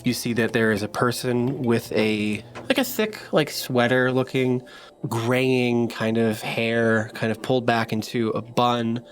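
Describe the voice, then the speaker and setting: A man's voice: mid-range voice, unhurried, a little hiss or hum. Rambling game master man. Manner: descriptive, rambling with fillers. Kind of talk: narrating a tabletop game.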